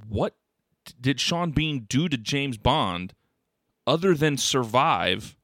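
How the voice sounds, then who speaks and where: A man co-hosts a casual podcast conversation at a middle pitch. He rambles with animated, exclamatory bursts. The sound is dry and close, with no room around it. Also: slow pace, no room sound. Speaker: podcast co-host. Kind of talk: casual chat.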